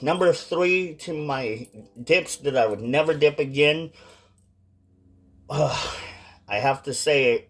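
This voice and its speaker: A man giving a casual, informal vlog-style review in a halting way, stressing words for emphasis. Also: mid-range voice. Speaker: product reviewer.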